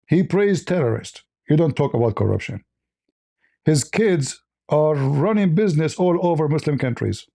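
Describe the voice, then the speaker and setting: A man's voice: on the high side, gravelly, warm tone. A man hosting a livestream, giving mocking, sarcastic commentary and repeating phrases for emphasis. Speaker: livestream host.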